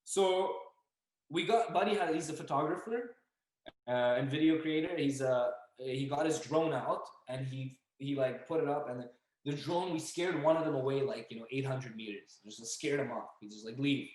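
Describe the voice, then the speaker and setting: A young man telling a story as a podcast guest, casual and animated, acting out the voices of the people in it. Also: mid-range voice, moderate pace. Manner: animated, acts out dialogue and yelling. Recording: echoey room.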